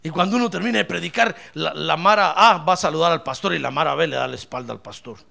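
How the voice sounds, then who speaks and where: A man preaching a lively, humorous sermon as a pastor, speaking fervently, crying out praise and often calling his listener brother. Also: fairly high pitch, fast, creaky. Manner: fervent, jokes, cries out praise, keeps addressing "hermano".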